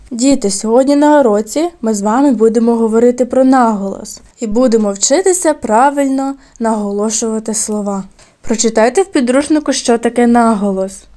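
Woman teacher doing a video lesson for little kids, kinda high voice, slow clear words. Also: dark tone. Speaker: primary school teacher. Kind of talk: recorded video lesson for second graders.

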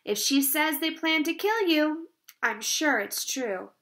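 A wise spider speaks in a calm, brisk and firm voice, as a woman puts her on. She is motherly yet no-nonsense, in a storybook read-aloud with a bright tone. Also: high voice, voice pushed up, full character voice.

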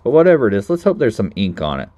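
A man chatting casually to viewers while opening trading card packs, nervous and then bursting into loud excited exclamations. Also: fairly low pitch, very fast. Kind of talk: casual pack-opening commentary.

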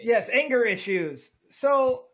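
A woman's voice: on the high side, lively intonation, takes it slowly, a loud crowd. A woman chatting casually as a podcast panelist, swearing freely and tripping over repeated words. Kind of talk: casual group chat.

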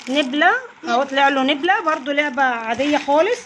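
A woman with an Egyptian Arabic accent hosts a channel from home, chatting casually and coaxing children along as they open snack bags with family around. Her voice is high and fast, recorded on a handheld phone with background noise.

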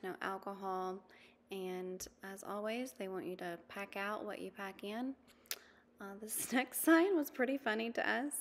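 A woman in her thirties narrating a travel vlog in a chatty, easygoing way, with frequent ums and quick laughs. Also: mid-range voice, fairly bright tone, big-room sound. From mountain region. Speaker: vlogger. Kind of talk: casual voice-over narration.

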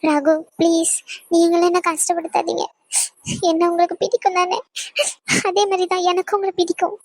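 Brief: woman as an anxious young cartoon bride, pleading, high voice, dry. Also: flat delivery, moderate pace, dry recording.

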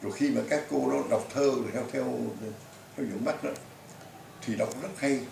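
A man's voice: medium pitch, normal speed, creaky, darkish tone. An older man chatting casually and reminiscing, laughing often as he talks. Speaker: guest. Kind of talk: casual chat. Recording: echoey room, mic far off, background noise.

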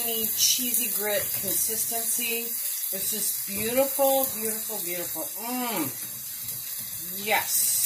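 A middle-aged woman hosting a casual home cooking demonstration, chatty and unhurried with lots of ums. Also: medium pitch, noisy background. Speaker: cooking show host. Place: home kitchen, indoors. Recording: roomy kitchen with sizzling pan. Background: frying and sizzling food.

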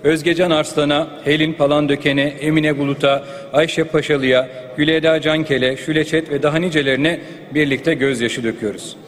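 A man's voice: fairly high pitch, steady tone, brisk, few pauses. A man, a member of parliament, giving a formal and earnest speech at a rostrum microphone in a large chamber. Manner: earnest, grave, listing figures and names. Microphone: speaking at a rostrum microphone. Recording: long reverb of a large hall.

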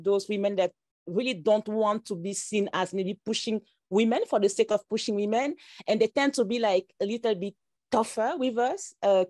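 On a video call panel, a woman startup founder speaks in a mellow, mid-range voice, and the recording is dry. French isn't her native language, and she's hesitant, often using fillers and starting sentences over, from an indoor room with plain walls.

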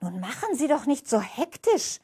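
A woman voicing an indignant, confused very old woman in a wheelchair, higher than her own voice, at a book reading. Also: very animated, moderate pace, warm tone, husky, full character voice. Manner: reproachful, insistent.

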